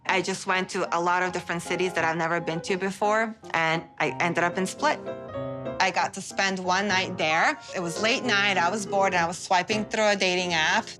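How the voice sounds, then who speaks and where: A woman's voice: lowish voice, fairly even intonation, normal speed, music in the background. A woman in her thirties from Bosnia, telling her dating story candidly in a confessional interview, with frequent giggles. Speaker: reality show cast member.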